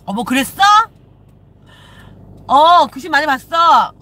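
High, bright-voiced woman chatting live. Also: lively intonation, slow. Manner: chatty, greets viewers, swears casually. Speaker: shaman hosting a live stream. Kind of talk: casual live-stream chat with viewers. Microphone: phone.

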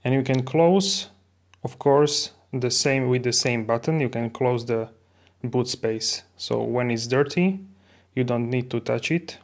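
A man's voice: mid-range voice, no room sound, studio quality. Man talking casually inside a car. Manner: relaxed, halting, many fillers and restarts. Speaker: car reviewer. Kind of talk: casual walkaround car review. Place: inside a parked car, then outdoors at a dealership lot. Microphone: handheld phone camera.

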